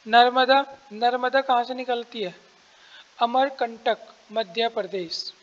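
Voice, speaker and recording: Leading an exam-prep lesson, a man with a very high voice explains things step by step, asking and answering his own questions and clearing his throat often. His tone is steady and his pace slow, and the muffled recording has a long reverb tail.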